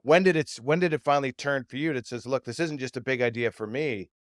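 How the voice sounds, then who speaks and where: Brief: male podcast host, mid-pitched, dry close sound, rambling questions. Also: quick pace, no room sound. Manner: repeats words, rambling questions. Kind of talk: interview.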